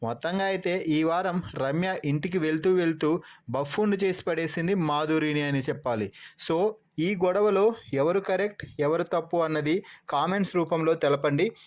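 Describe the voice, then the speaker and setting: A man with a somewhat high speaking voice hosts his channel. He narrates a scripted recap briskly and retells a quarrel, reading out the lines people said. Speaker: YouTube channel host recapping a reality show.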